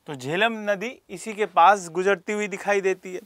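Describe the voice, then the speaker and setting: A man with a high-pitched, slightly bright voice and fairly even intonation gives a geography lesson for exam preparation at normal speed, using rhetorical questions and calling students by name. No echo is audible.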